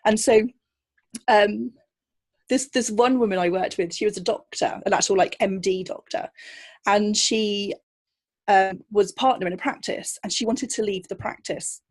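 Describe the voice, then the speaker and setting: Speaking at a measured pace in a breathy, medium-pitched voice, a kinesiologist appears as a guest in a casual interview. Her anecdotes often include performed impressions of the people involved.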